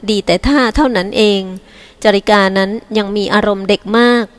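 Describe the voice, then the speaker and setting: A woman reading an audiobook novel aloud in slow, measured narration. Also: mid-range voice. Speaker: audiobook reader. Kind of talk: scripted narration.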